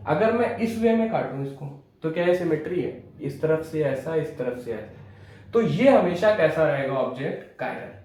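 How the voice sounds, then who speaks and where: A man's voice: fairly high pitch, lively intonation, normal speed, darkish tone, heavy reverb, low-quality recording. A man teaching chemistry in a classroom lecture, quizzing his students and answering his own questions.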